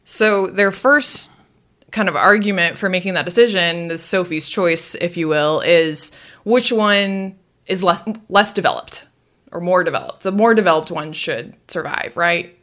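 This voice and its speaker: A woman co-hosting a podcast casually recaps and comments, retelling events in a wry, animated way with questioning asides. Her voice sits on the low side and she speaks unhurriedly.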